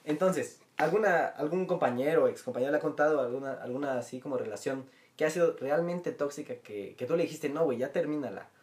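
A man's voice: a little high, a little fast, few pauses, slight background noise. A man hosting a joking casual chat, teasing his friend and repeating his name. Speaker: host.

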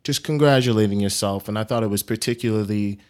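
A man's voice: lowish voice, fast, a little mellow. A young man talking casually as a podcast guest, laid-back, with lots of fillers and easy laughs. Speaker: guest, coffee brand founder.

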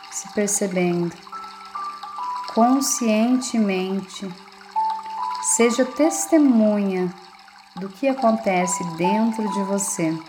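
A woman with a Brazilian accent guides a meditation in a soothing, unhurried manner, leaving lingering pauses between short phrases. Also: medium pitch.

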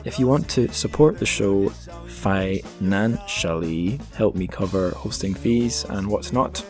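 In a low, unhurried voice over music, a podcast host rambles through his casual solo outro. He plugs the show chattily, making jokes and self-deprecating remarks.

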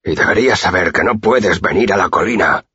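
A man voicing a brutal, menacing city guard who pants and jeers slowly, in a dull, dry recording. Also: deep voice, pushed and bright, husky, no echo, pitched above the performer's own voice, heavily acted. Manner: panting, threatening, slow jeering.

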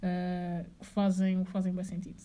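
A young woman with a European Portuguese accent, giving measured explanations in casual podcast chat. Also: lowish voice, completely flat delivery, dark tone.

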